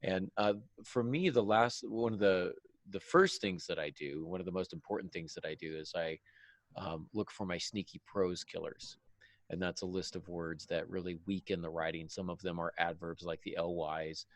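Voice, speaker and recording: With a low voice and a moderate pace, a fiction writer hosting a podcast chats casually about writing tips in a dry recording. He keeps things light, making jokes at his own expense.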